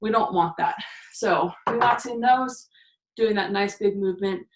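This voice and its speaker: A woman's voice: mid-range voice, unhurried. A woman fitness instructor talking through shoulder and core exercises while doing them, a little out of breath. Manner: talks through each move while doing it, counting reps. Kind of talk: exercise demonstration. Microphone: camera mic from a distance. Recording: echoey room, voice far from the mic.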